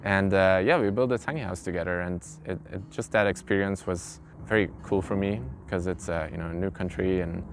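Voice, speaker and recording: A Belgian carpenter in his early twenties, a non-native English speaker, tells his own story informally in English during an interview. His deep voice is brisk and fairly even, with hardly any pauses. Ambient background noise is clearly audible.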